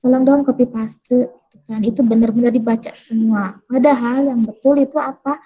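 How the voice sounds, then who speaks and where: A woman teaching an English pronunciation lesson in a casual, chatty way, asking questions and then answering them herself while repeating words slowly. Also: a little high, steady tone, husky, lo-fi sound.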